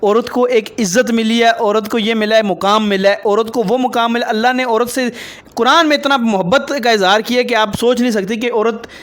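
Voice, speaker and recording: A man's voice: very high voice, fairly even intonation, a bit bright. A man interviewing a dancer for his video, probing her and lecturing her on religion and morals.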